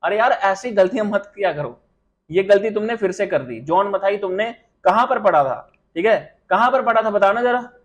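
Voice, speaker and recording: High-voiced man running a live quiz class. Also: lively intonation, low-quality recording. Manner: rapid quiz-master patter, praising viewers by name; scolding, teasing tone with students. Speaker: exam coaching teacher. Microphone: live stream mic with audio glitches.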